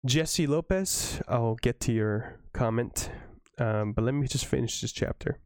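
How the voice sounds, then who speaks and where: Excitable man leading a Bible reading. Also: medium pitch, measured pace, smooth, dry recording, clean studio sound. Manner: earnest, excitable, with self-corrections and asides. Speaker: Bible study leader reading to a live audience. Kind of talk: Bible reading with informal commentary.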